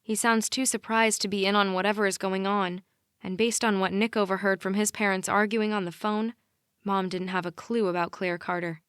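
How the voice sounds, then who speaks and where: A woman's voice: mid-range voice, level tone, normal speed, fairly bright tone, smooth, no room sound, studio quality. Woman narrating an emotional audiobook. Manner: emotional, intimate storytelling. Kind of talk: first-person audiobook narration.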